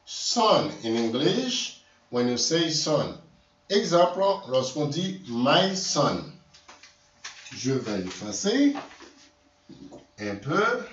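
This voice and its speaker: A man teaching vocabulary in a slow lesson, repeating words and correcting himself. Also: a little high, sing-song, a bit bright. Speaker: language teacher. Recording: distant echoey room, dull lo-fi sound.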